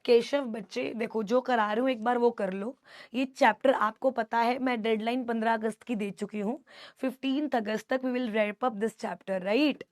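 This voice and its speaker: A woman's voice: a little high, fairly even intonation, normal speed, dry recording, clean studio sound. A young woman teaching a live online class, mixing Hindi and English, affectionate yet scolding as she answers student doubts.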